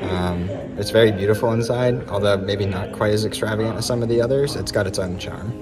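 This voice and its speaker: A man's voice: on the low side, a little fast. Chatty man vlogging with music behind. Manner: chatty, many ums, relaxed recounting. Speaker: travel vlogger. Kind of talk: casual travel vlog recap. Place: inside an ornate palace room, later outdoors in snow. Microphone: phone held at arm's length, selfie framing.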